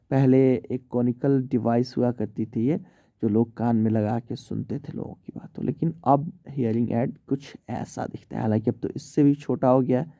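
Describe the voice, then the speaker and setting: Male tutor, informal explainer, very dark mellow voice, dry slightly muffled recording. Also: medium pitch, no echo. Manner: chatty, informal, often says "theek hai". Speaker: English teacher. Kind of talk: vocabulary lesson in Hindi.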